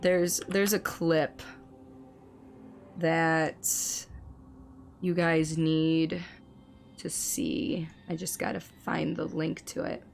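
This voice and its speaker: A woman streamer chatting through live gameplay commentary, reading and answering chat, her voice slightly hoarse as it recovers. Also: deep voice, flat delivery, drawn-out words, pauses often, a little hiss or hum.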